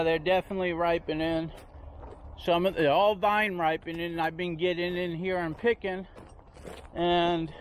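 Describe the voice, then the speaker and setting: Walking through his backyard garden, a high-voiced man rambles unhurriedly, pointing out features along the way. The outdoor clip was captured on a handheld phone, with slight background noise.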